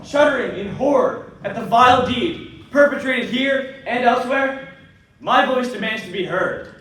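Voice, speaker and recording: An earnest young lawyer presses his case in a fairly high voice. The sound is very echoey and distant, as in an old radio play. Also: moderate pace, a bit bright. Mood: rousing. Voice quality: earnest, insistent. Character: young man, an impassioned lawyer demanding justice. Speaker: actor. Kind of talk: radio drama acting. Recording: echoey, distant, faint noise.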